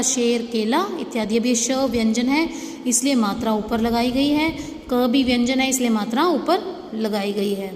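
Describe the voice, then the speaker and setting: A fairly high-voiced woman teaches young pupils, explaining each rule patiently and drawing out the example words slowly. Her voice rings around a hard-walled room with a long reverb tail, and a faint hum of ambience sits underneath. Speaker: school teacher. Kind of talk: Hindi grammar lesson for children.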